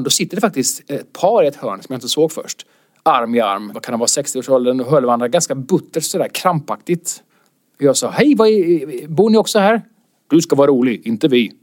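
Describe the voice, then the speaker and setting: A man, a comedian, telling an anecdote in casual chat and acting out quotes with sudden high-pitched outbursts. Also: a little mellow. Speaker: comedian guest.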